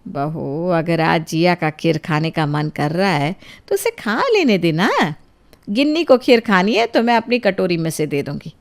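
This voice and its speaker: A woman's voice: lowish voice, animated, unhurried, voice pushed down. A woman voicing a scolding old grandmother who spoils her granddaughter, in a cartoon storybook. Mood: chiding. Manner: indulgent, chiding.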